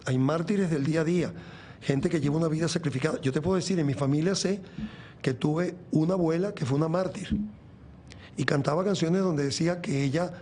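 A man's voice: on the high side, fairly quick, a little mellow. Earnest Venezuelan man in his sixties. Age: 60s. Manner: earnest, rambling, many restarts. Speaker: guest. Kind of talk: reflective faith talk in an interview.

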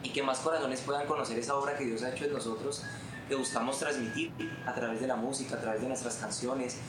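A Colombian-accented musician in his twenties tells his faith story as an interview guest, earnest and heartfelt. He talks fast in a medium-pitched voice with fairly even intonation, over music, in a roomy space with background noise.

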